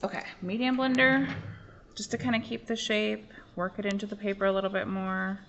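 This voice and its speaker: A woman's voice: medium pitch, level tone, brisk, fairly bright tone. A young adult woman giving a casual drawing demonstration, explaining each step as she works, with many fillers. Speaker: art teacher. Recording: muffled lo-fi audio, faint room noise.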